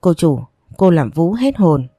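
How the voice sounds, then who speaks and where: Bà vú già hiền lành, một phụ nữ đọc truyện lồng tiếng. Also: female voice, lowish voice, big pitch swings, measured pace, dark tone, dry recording, studio quality. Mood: flustered. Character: elderly woman, gentle family nanny, flustered.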